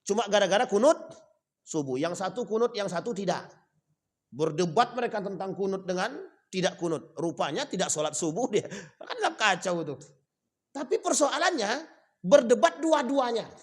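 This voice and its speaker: A man preaching a sermon, asking rhetorical questions and speaking straight to his listeners, swinging from loud emphatic rises to low quiet drops. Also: lively intonation, moderate pace.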